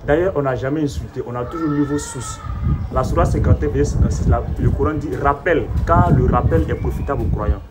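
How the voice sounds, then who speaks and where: A man's voice: mid-range voice, quick pace, very noisy. A man hosting a heated live debate, emphatic and laughing, often cutting in. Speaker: live-stream debate host. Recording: roomy echo.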